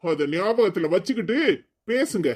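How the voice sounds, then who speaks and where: A proud, hot-tempered husband in a cartoon story, played by a man. His voice sits high for a man, and he scolds and threatens his in-law with angry force. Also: animated, moderate pace, a little mellow, husky. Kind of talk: cartoon voice acting.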